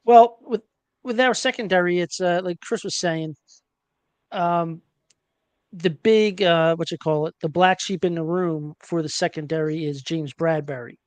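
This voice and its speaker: A man hosting a casual sports podcast, chatty and hesitant, filling pauses with ums and uhs. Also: on the high side, clear, resonant tone, no echo. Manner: chatty, hesitant with many fillers. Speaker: podcast host.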